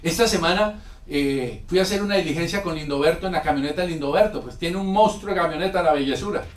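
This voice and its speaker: Male pastor, high voice, animated sermon with acted-out quotes, echoey hall, mic at a distance. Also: quick pace. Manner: animated storytelling, acts out quotes and sound effects. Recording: echoey room, mic far off.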